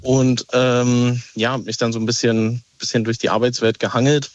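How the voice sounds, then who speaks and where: Phoning a radio show from Berlin, Germany, this caller in his thirties chats casually but hesitantly, stumbling through fillers and restarts. He speaks at medium pitch and a moderate pace with flat delivery, and the telephone line sounds dull, lo-fi and echo-free.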